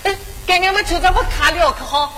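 A woman playing a cheeky young brother, high and bright. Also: fairly quick, slight background noise. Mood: coaxing. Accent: Gannan (southern Jiangxi). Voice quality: bright, high, sing-song stage delivery. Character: mischievous teasing young man, playful younger brother. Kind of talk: regional tea-picking opera performance. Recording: stage recording in a reverberant hall with music.

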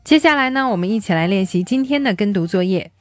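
A woman teaching young children simple English phrases, explaining words and repeating them slowly for practice. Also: medium pitch, expressive, soft background music. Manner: slow, drilled repetition of English words.

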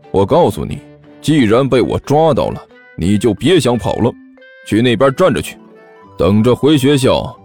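A man's voice: mid-range voice, a little mellow, close to an everyday voice. A man voicing a stern school teacher who sneers and scolds. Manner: cold, sneering.

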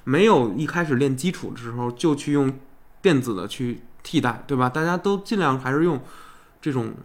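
A man with a Beijing accent telling stories in casual chat, colloquial, earthy and animated, like a talk show host. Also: medium pitch, moderate pace. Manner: colloquial, crude and animated storytelling with swearing. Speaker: podcast host.

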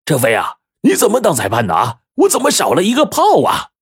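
A man's voice: lowish voice, huge pitch swings, a little fast, a little mellow, husky, dry recording, clean studio sound, full character voice. A man voicing a blunt, nosy elderly man in a nursing home who pries and protests. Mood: indignant. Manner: prying, indignant.

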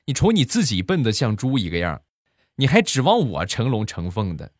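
A man's voice: medium pitch, huge pitch swings, fairly quick, dry recording, studio quality. A man voicing a cheeky young boy who teases his mother in a smart-alecky way. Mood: teasing.

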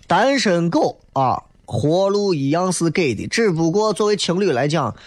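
A man's voice: high-pitched, sing-song, moderate pace. A man hosting a casual talk show, answering listener messages in a blunt, teasing, colloquial way. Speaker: host of an audio show. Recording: loud guitar music behind the voice. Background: guitar music.

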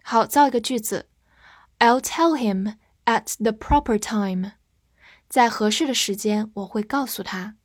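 A woman teaching English vocabulary, spelling words out letter by letter and repeating them slowly. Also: on the high side, no echo, clean studio sound. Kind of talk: scripted vocabulary lesson.

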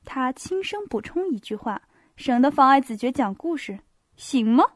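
A woman calmly narrating a novel as an amateur audiobook reader. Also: high voice, normal speed, dry recording, studio quality.

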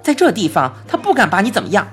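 A woman's voice: medium pitch, huge pitch swings, fast, soft background music. A woman voicing a bold, eager young girl in a storybook reading. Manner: eager and bright. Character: bold lively young girl, protective friend.

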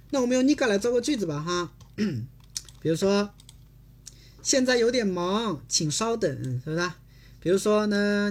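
A Korean language teacher from China giving a livestream lesson. The teacher constantly asks the audience tag questions and switches between Chinese and Korean example sentences. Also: mid-range voice.

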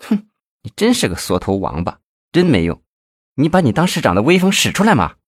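Man voicing a coy young TV-host mistress, sharp tongue, lively pitch, storybook read. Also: no echo, clean studio sound, lightly acted. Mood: coquettish, teasing. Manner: coquettish, scolding, quick retorts.

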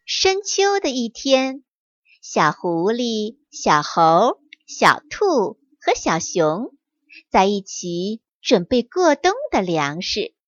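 Gentle, slow woman narrator for a bedtime story, sing-song delivery. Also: medium pitch, sing-song, dry recording, dull audio.

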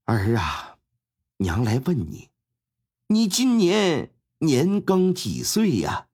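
A male storyteller voicing a grieving widowed mother who scolds her son through tears, in a slightly husky voice. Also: on the high side, wildly swooping pitch, darkish tone, exaggerated voice. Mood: reproachful. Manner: tearful scolding, drawn-out pleading.

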